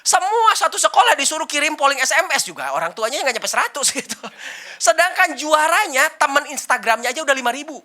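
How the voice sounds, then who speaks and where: Lively woman preaching a sermon. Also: sits high, quick pace, few pauses. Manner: storytelling, acts out the people in the story; addresses listeners as brothers and sisters. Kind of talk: sermon with a personal testimony.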